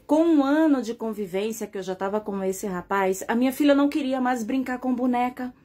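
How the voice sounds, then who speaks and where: A woman's voice: fairly high pitch, brisk, mellow. A woman with a Brazilian accent gives an earnest first-person testimony about her family, speaking straight to her viewers and checking in with frequent tag questions. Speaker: mother telling her own story.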